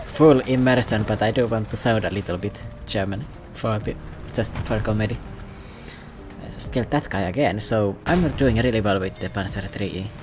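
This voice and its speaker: A man giving casual, self-mocking, rambling commentary over his gameplay. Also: fairly low pitch. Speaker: gaming commentator.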